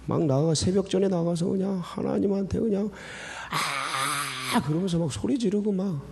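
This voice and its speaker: A male pastor gives an early morning sermon with a gravelly, dark tone that sits a little high. He talks in a loose, emotional, conversational way, full of restarts and fillers. His voice rings with the long reverb of a church sanctuary.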